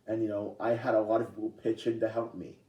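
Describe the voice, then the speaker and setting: A man's voice: on the low side, little pitch movement, dark tone. Rambling young man in an echoey room. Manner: rambling, halting with many fillers and restarts. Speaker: vlogger. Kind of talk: casual talk to camera. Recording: echoey room, distant from mic.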